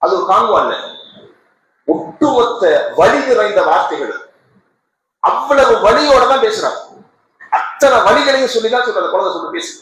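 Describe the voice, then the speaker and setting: A man giving a Friday sermon in a mosque, impassioned, dropping to soft low tones and rising to shouted peaks. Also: animated, normal speed, pauses often. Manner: acts out a crying child's words inside the story. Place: mosque prayer hall. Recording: very echoey mosque hall, faint noise.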